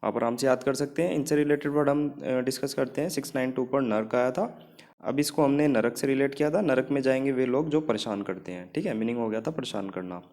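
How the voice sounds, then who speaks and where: A man of average pitch teaches vocabulary for exam students, speaking in Hindi sprinkled with English words. He walks through each word with a memory trick and keeps checking in with the class. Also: brisk, darkish tone. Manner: explains in Hindi mixed with English words, often saying "ठीक है".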